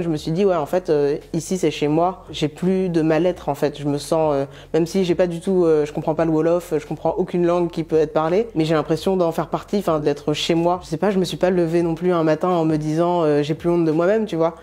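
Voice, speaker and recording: A young woman from France giving a candid personal testimony in an interview, speaking reflectively and hesitantly with frequent pauses and fillers. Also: sits low, level tone, warm tone. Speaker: musician interviewee.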